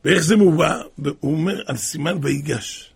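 A male preacher delivers a sermon in a raspy, husky voice with a gravelly edge. He is impassioned, dropping to near hushes and then rising to cry out. His voice sits high for a man. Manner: impassioned, swings from hushed to crying out.

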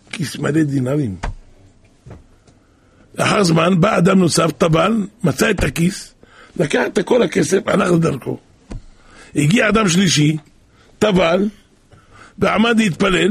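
A man delivers a spoken sermon, retelling old rabbinic stories in a loose, chatty way. His voice is heavily gravelly and very husky, sitting a little high for a man. He keeps looping back with "he says" and bursts out loudly at dramatic moments. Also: no echo. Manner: repetitive "he says" storytelling, loose and colloquial.

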